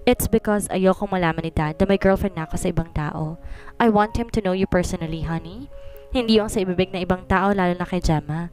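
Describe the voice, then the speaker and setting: A woman voicing a tender, apologetic young male CEO in a storybook romance, speaking slow and soft, with faint music behind. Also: on the low side, close to an everyday voice. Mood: pleading tender.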